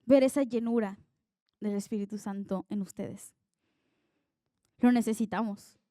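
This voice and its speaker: A woman's voice: medium pitch, steady tone, measured pace, dark tone, no echo, clean studio sound. A young woman preaching an earnest, conversational sermon that draws on her own life.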